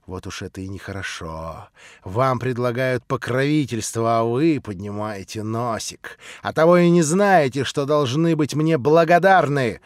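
A man doing a smooth, scheming old prince. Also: medium pitch, lively intonation, a little slow, dry recording, clean studio sound, close to an everyday voice. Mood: sneering. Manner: smooth, ingratiating, then sneering. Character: scheming, condescending aristocratic older prince.

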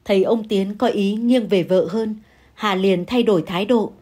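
A woman narrating an audio story in an even, measured voice. She keeps a steady storytelling pace between the characters' lines. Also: medium pitch.

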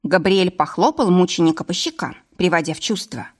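A woman narrating an audiobook of comic fiction, telling the story in a lively, expressive way. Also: fairly low pitch, a little fast. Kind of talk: scripted narration.

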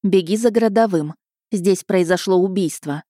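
A woman voicing a calm stern necromancer lady. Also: mid-range voice, normal speed, dry recording, clean studio sound, natural voice. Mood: commanding. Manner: calm, curt commands.

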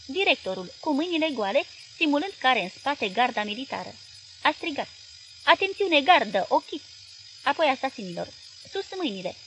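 A woman voicing an excitable, talkative young man in an audiobook reading. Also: on the high side, slight background noise.

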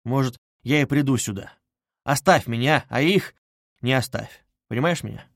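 A man's voice: medium pitch, creaky, dry recording, clean studio sound. A man reading as a brooding, troubled young man. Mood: curt, heavy. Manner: muted, halting, grim.

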